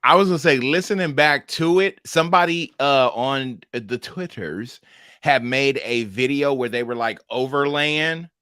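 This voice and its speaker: A man's voice: mid-range voice, unhurried, pushed and bright, no room sound, studio quality. A man co-hosting a podcast in casual chat, laid-back, with sighs and short agreeing replies. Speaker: podcast co-host.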